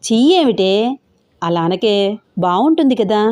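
A woman voicing a quick-tempered young boyfriend. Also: mid-range voice, sing-song, a little mellow. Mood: teasing. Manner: teasing then snapping, bossy. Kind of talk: audio story character voicing.

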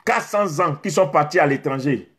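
Indoors before a beach backdrop, a middle-aged pastor addresses the camera with a sermon built on rhetorical questions and emphatic repetition. His voice sits on the high side, a bit bright and slightly rough, at a moderate pace.

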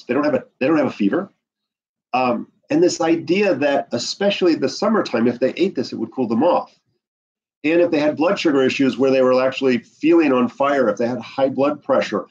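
A middle-aged man from the Bahamas lectures an herbalism class with animated, restless energy. His voice is a bit husky and sits mid-range. It comes through a floor camera in a classroom, with dull, lo-fi sound. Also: mid-range voice. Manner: animated, gesturing a lot while pacing. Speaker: herbalism teacher. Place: indoor classroom with whiteboard. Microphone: far camera on the floor.

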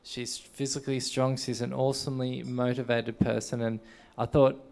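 An earnest Australian man in his forties speaks into a handheld mic on an event stage. His voice is gravelly yet resonant, with a fairly flat, even delivery. He keeps restarting his sentences with a string of "and"s. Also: medium pitch, normal speed. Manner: earnest, repeats "and" often while searching for words. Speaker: Paralympic sailor, honoree. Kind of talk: stage interview.

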